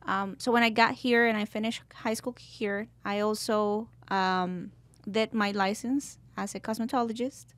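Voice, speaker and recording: A Colombian-born woman in her twenties, a guest barber in a podcast interview, telling her story in a thoughtful, lightly halting way. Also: mid-range voice, fairly even intonation, no room sound. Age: 20s. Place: podcast studio.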